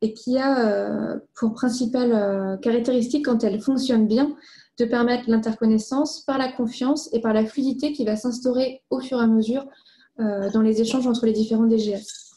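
At a moderate pace and with fairly even intonation, a woman gives a formal presentation of her findings. She has a fairly high, very mellow, soft-edged voice and explains matters point by point.

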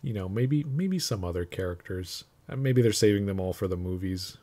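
A man's voice: fairly low pitch, animated, normal speed, warm tone. A man co-hosting a casual reaction podcast, laid-back and a little unsure as he talks. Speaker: podcast co-host. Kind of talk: casual group reaction chat.

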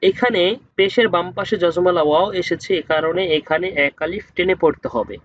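In a step-by-step spelling lesson, a high-pitched man teaches Quran reading by naming each letter and vowel mark, then slowly stretching out the combined word. The audio is dull, with no echo.

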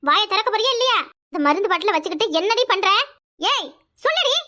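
A woman voice actor gives a cartoon's scheming, bossy village mother an expressive, exaggerated delivery, squealing reprimands in a piercing, very high pitch. Her Kanyakumari Tamil accent drives a fast, shrill, nagging rhythm that rises to yelling.

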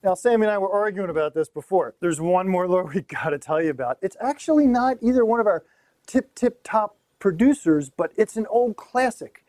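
Host: middle-aged man, lively lure demo, mellow higher voice, dry sound. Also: fairly quick, no room sound. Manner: upbeat, emphatic repetition. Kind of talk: gear demonstration. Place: small tackle shop room, indoors.

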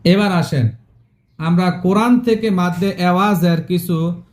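A man leads a live online Quran lesson in a fairly high voice. He speaks slowly and repeats each rule, and he stops often to quiz his students. It sounds like a patient classroom drill. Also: a little mellow. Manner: slow, repetitive drilling with questions to students. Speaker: Quran recitation teacher.

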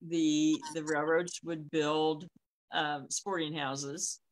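A middle-aged woman, acting as co-host, tells stories in a casual, conversational way, speaking haltingly in a low, level voice. She's in a small room at home on a video call, picked up by the device mic, and the recording is rough.

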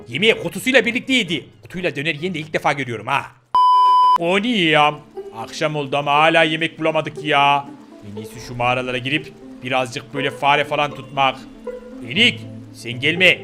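Excitable man voicing a pitbull in a game. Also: on the high side, a little fast, music in the background. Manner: exclaiming, blunt, swears casually. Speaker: gaming YouTuber voicing his character. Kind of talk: voiced gameplay role-play.

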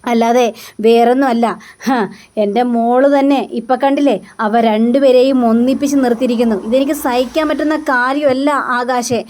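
A high-voiced woman chats through a TV serial episode, slipping into the characters' lines as she goes. A faint background hum sits under her voice. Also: fairly even intonation, normal speed, darkish tone. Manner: acts out characters' lines in quotes while narrating, with fillers. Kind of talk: casual retelling of a TV serial episode.

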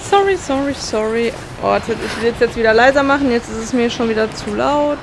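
Higher-voiced, creaky woman let's player, noisy recording. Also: quick pace. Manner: blunt, impatient, colloquial. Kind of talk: casual gameplay commentary. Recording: clear background noise.

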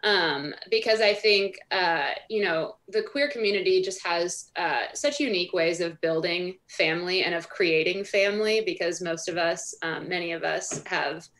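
A woman of about thirty speaks from her home over a video call as a guest author. She talks thoughtfully and fills her pauses with um and like. Her pitch sits a little low. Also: steady tone, fairly bright tone. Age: 30s. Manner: thoughtful, many fillers like um and like. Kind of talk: remote interview answers.

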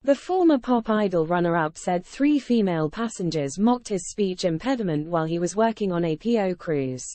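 A woman narrating a celebrity news story in an even, scripted read. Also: on the low side, moderate pace, hardly any pauses, dry recording.

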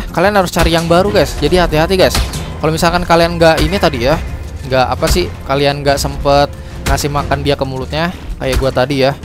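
A young man hosting a casual game tutorial, chatty and upbeat, often calling out to his viewers and laughing off his own mistakes. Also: on the high side. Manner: chatty, says guys constantly, quick apologies and laughs at his own slips. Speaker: gaming channel host. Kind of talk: casual gameplay tutorial commentary. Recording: music playing under the voice.

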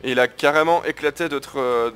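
A man's voice: on the high side, brisk, a bit bright. Man giving crude, chatty gameplay commentary. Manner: chatty, crude slang, keeps addressing viewers as guys. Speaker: gaming video host. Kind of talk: casual live gameplay commentary.

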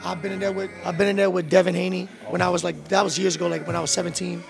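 A young man in his twenties talks quickly and loosely, dropping slang and fillers as he answers an interviewer. His voice is high for a man and heavily gravelly. He speaks into a handheld mic in a boxing gym. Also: over music. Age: 20s. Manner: relaxed, street slang, many "bro" and "um". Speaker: professional boxer, guest. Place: boxing gym beside a ring, indoors.

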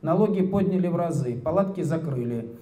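A man's voice: fairly high pitch, lively intonation, a little fast, warm tone, natural voice. A man reading aloud as a smug cynical official, mock-solemn. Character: smug cynical male ruling official addressing colleagues. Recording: roomy hall with handheld mic.

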